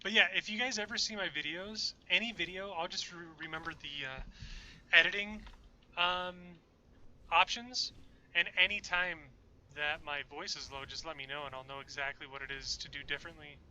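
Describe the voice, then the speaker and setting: On a casual home gameplay stream, a young man talks to his viewers through a desk microphone, chatty and rambling about what he's up to. He sounds on the high side, bright and forceful, with fairly even intonation at a moderate pace. The low-quality recording carries slight background noise.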